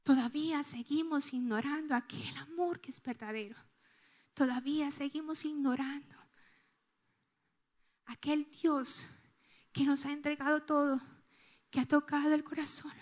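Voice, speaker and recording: A woman pastor with a Colombian accent preaching a sermon, telling a personal story with strong emotion, moving from loud outbursts to hushed tones. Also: high voice, steady tone, a little slow, long pauses. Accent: Colombian Spanish.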